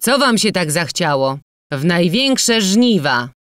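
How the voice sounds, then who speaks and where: A woman's voice: lowish voice, big pitch swings, slow pace, a bit bright, no echo, clean studio sound, voice pushed up, full character voice. A woman voicing a stern older male manor landlord who asks reproachful, grumbling questions in a storybook reading.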